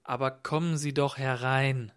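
A man's voice: mid-range voice, steady tone, measured pace, a bit bright, clean tone, natural voice. A man voicing a puzzled host who keeps asking startled questions. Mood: astonished. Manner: astonished, fussing questions. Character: puzzled, concerned male host Michael.

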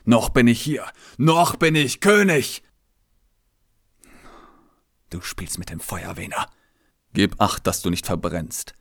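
A man voicing a brooding, bitter young king who speaks low and with quiet intensity. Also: flat delivery, a little slow, gravelly, husky, dry recording, clean studio sound, full character voice. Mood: threatening. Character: brooding, bitter young king, haunted by his father's fate.

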